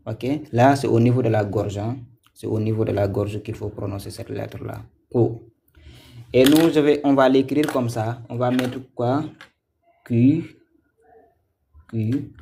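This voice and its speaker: A man's voice: medium pitch, warm tone, husky. A man teaching Quran reading in a live-streamed lesson, patient and repetitive, who quizzes his viewers and thanks them by name. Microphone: livestream mic.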